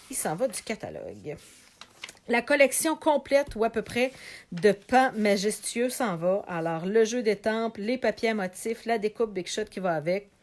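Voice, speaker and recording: A middle-aged woman with a Québécois French accent, chatting live to viewers while showing craft products for sale. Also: on the high side. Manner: chatty, animated, talks to viewers directly. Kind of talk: live video sales chat.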